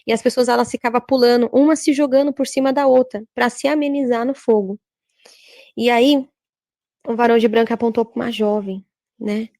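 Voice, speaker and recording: A woman, a church worker giving a religious testimony in a halting, repetitive way. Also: a little high, steady tone, dark tone, dry recording. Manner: halting, repetitive, frequent filler tags.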